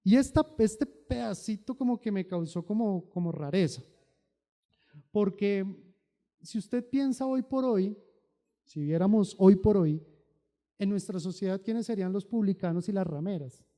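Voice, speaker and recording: A Colombian man preaching with a high, mellow, darkly rounded voice. He moves between loud, emphatic calls and quiet storytelling asides. A long reverb from a large church hall trails his words. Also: a little slow. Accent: Colombian Spanish, Bogotá. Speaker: pastor. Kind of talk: sermon.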